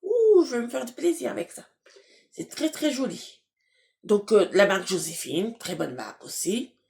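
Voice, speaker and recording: A woman's voice: mid-range voice, very animated, moderate pace, vocal fry, a little mellow. A woman casually chatting to her viewers while unboxing beauty products, hesitant, with many fillers and restarts, laughing at herself. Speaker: beauty box unboxing vlogger.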